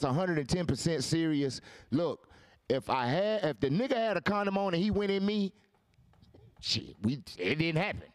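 A rowdy podcast host, a man with a high, bright pitch who talks animated and profane, repeating lines as he hypes his panel. The sound is dry and close, with no room around it. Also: no echo. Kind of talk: loud podcast banter.

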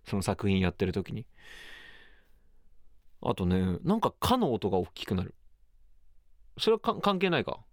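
A man's voice: fairly low pitch, wildly swooping pitch, moderate pace, long pauses, dry recording, clean studio sound. A man hosting his own radio show, chatting casually and musing aloud in a rambling way. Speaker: radio host. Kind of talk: casual solo radio talk.

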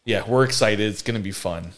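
Low-voiced man telling a story. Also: fairly quick. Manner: storytelling, quoting others with laughs. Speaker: podcast co-host. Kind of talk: casual chat.

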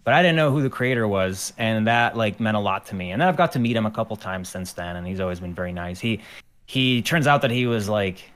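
This podcast guest from Ukraine, a man who works as an animator and musician, talks casually about his art career. His fairly low voice is a bit bright, with lively intonation and a slightly fast pace. The interview chat is rambling, with many fillers and false starts.

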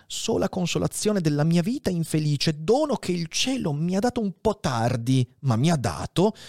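A man's voice: on the high side, dry recording, clean studio sound. A man voicing a dying old priest in a dramatic reading of a novel, speaking weakly and often dropping to a whisper. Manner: weak, hushed, often whispering. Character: dying old male priest, frail and solemn.

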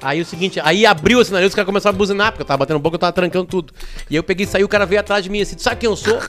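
Fast-talking man telling stories. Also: high voice, soft background music. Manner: animated, acts out quotes. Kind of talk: casual storytelling chat.

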